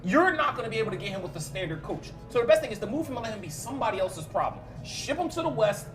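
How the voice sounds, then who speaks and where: Fast-talking blunt sports co-host man. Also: sits high, sing-song, music in the background. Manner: blunt, emphatic, opinionated. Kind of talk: casual sports debate. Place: bar, live show.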